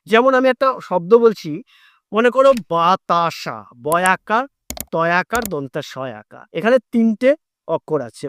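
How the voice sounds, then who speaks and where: High-voiced man teaching patiently. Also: fairly bright tone, smooth, dry recording, studio quality. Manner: asks questions and drags out syllables to demonstrate. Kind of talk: explaining a lesson to students.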